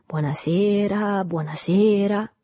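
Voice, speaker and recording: A woman reading a novel aloud, voicing a loud, jovial, red-faced man who shouts and repeats himself. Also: medium pitch, takes it slowly, no room sound, pitched above the performer's own voice. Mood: genial.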